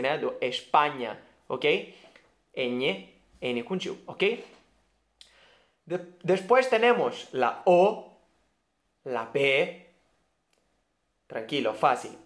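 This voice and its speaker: A man's voice: fairly high pitch, fairly bright tone. A man with a Brazilian Portuguese accent teaching a video lesson, who patiently repeats each sound and keeps checking with the viewer. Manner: often checks understanding with "ok?". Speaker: Spanish teacher.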